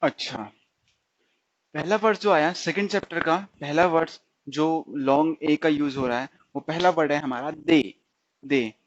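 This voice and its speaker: A man teaching a stenography lesson, asking his students questions and answering them himself, repeating each sound slowly. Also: on the high side, muffled recording, a little hiss or hum. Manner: slips into English definitions. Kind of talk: recorded shorthand lesson.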